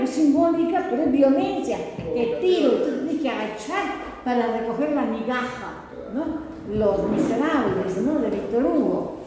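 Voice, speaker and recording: A woman's voice: on the high side, warm tone. An older woman from Peru, giving a political lecture in a conversational, ironic way and tagging her points with rhetorical questions. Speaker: sociologist lecturer. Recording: echoey hall with long reverb.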